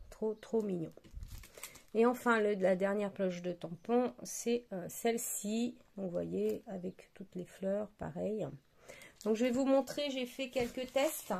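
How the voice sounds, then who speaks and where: A woman's voice: mid-range voice, gravelly, darkish tone. A woman casually presenting craft products she received, chatty and hesitant, with frequent fillers.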